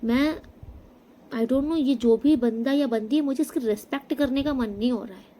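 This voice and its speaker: A woman's voice: high-pitched, normal speed, mellow. Emphatic woman giving a tarot reading. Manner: emphatic, addresses viewer directly with frequent "okay?". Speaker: tarot reader. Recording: faint background noise.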